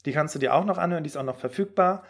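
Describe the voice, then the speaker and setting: A man hosting a podcast as a career coach, giving job-interview advice in a lively, direct way with fillers. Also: on the high side, rapid-fire, creaky.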